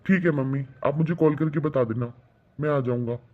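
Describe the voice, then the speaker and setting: A man's voice: on the high side, brisk, lightly acted. Man voicing a tinny-sounding doubtful young husband. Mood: polite. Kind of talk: cartoon voice acting. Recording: tinny phone-like sound with faint music.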